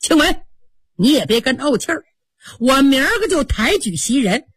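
A woman's voice: high voice, very animated, normal speed, dry recording, voice pushed up. Baoyu, a wounded young master, voiced by a woman. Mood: aggrieved. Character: gentle young master, hurt and angry.

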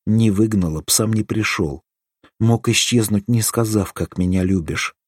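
A man's voice: on the low side, moderate pace, darkish tone, slightly rough, dry recording, studio quality, voice pushed up. A man voicing an affectionate young village girl. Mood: tender.

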